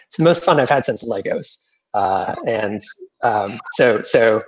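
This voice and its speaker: A man's voice: fairly low pitch, animated, a little slow, husky, highs cut off. A programmer telling the story of how he got into his hobby, hesitant and full of fillers, on a group video call.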